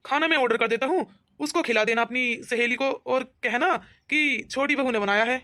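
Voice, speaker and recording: Woman doing a young cartoon husband, cheerful, scheming, bright raised voice. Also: high voice, fairly quick. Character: easygoing young husband and son. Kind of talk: cartoon voice acting.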